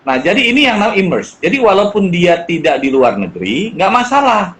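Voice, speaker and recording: A middle-aged man, appearing as a guest speaker, chats casually about parenting in a high, slightly quick voice. He's animated, acting out quoted dialogue in altered voices. The recording is low quality, with a bit of hiss or hum.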